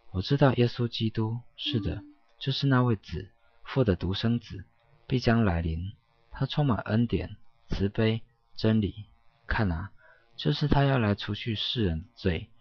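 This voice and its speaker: A man giving a solemn scripture reading in a preaching cadence, with steady emphatic affirmations. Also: lowish voice, slightly rough, no echo. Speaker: scripture reader. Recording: dull, dry lo-fi recording.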